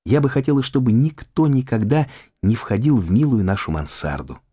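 A man reading an audiobook, voicing an adoring, playful young woman in a lilting raised voice, soft and eager. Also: mid-range voice, animated, moderate pace, husky, no echo, studio quality, voice pushed up.

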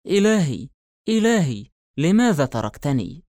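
A man's voice: on the high side, very animated, normal speed, a little mellow, no room sound, studio quality, voice pushed up. A man voicing an anguished dying man's cry.

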